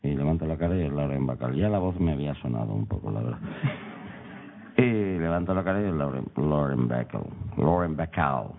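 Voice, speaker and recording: A man from Madrid tells a long, digressive anecdote as a radio guest, full of wry humor and animated asides. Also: a bass voice, a little fast, vocal fry. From Madrid, Spain. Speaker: guest writer. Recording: tinny phone-like line.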